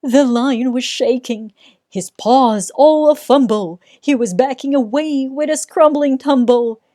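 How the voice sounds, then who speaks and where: A woman reading a rhyming children's story aloud in a sing-song way, with dramatic pauses. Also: sits high, mellow, no room sound, studio quality. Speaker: storybook reader. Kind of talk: children's read-aloud narration.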